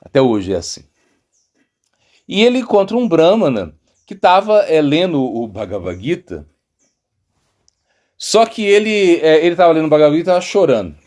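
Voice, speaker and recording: Brazilian monk, middle-aged man, informal teaching, animated pitch, halting storyteller. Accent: Brazilian Portuguese. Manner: rambling, with many fillers and restarts, lively storytelling. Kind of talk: informal spiritual talk.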